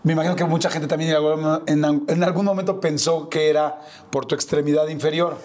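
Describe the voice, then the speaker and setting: High-voiced teasing Mexican host. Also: male voice, steady tone, fairly quick, darkish tone. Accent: Mexican Spanish. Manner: teasing, provoking questions. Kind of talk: casual chat.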